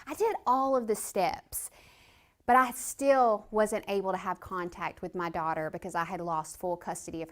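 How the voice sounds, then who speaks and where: Woman telling her recovery testimony. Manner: storytelling, acts out quoted voices with big pitch jumps. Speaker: reentry speaker. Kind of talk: personal testimony talk.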